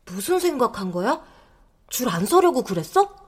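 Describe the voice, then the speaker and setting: A woman voicing the ghost of a young child in an audio drama, pleading urgently or speaking in a hushed, low tone. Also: big pitch swings, normal speed, breathy edge.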